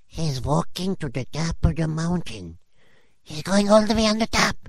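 A performer voicing an excitable townsperson watching events unfold, exclaiming loudly. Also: low voice, slow pace, creaky, dry recording, full character voice. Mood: excited.

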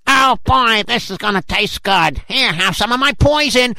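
A man voicing a hungry, gloating male snake in a children's story, with a gravelly voice. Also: extremely high pitch, lively intonation, moderate pace, sharp tone, no echo, full character voice. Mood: greedy. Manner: gloating, smacking his lips over a meal.

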